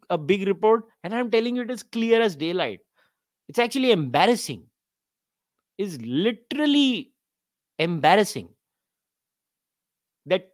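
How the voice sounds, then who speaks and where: A man's voice: sits high, dry recording, clean studio sound. A man with a North Indian accent giving political commentary as a podcast host, emphatic and repeating phrases for stress.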